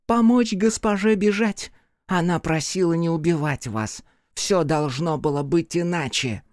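A male audiobook narrator voicing a scornful, treacherous demon woman servant in a raised, slower voice. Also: on the high side, darkish tone, dry recording, clean studio sound, pitched above the performer's own voice, close to an everyday voice. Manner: scornful, then cackling madly.

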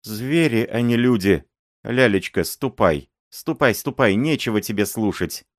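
Man voicing an anxious old lady, gently raised pitch, storybook reading. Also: animated, unhurried, dry recording, clean studio sound, close to an everyday voice. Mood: fretful. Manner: pleading, fretful. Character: frightened genteel old lady.

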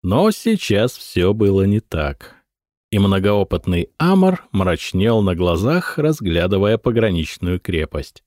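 A man narrating a historical audiobook in a measured, expressive reading. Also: sits low, no room sound, clean studio sound. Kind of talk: scripted narration.

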